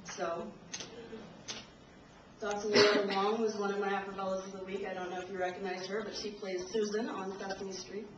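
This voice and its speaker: A young woman from Trinidad and Tobago, an invited speaker, reads her prepared speech at normal speed in a flat, mid-range voice, a little nervous and occasionally laughing. Captured by a camcorder in the audience of a university lecture room, the sound comes across distant, roomy, dull and noisy.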